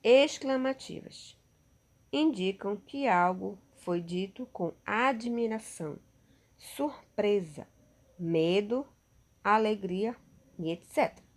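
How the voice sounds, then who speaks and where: A woman's voice: medium pitch, slow. A woman teacher with a Brazilian Portuguese accent giving a recorded lesson over slides, patient and checking in with her pupils often.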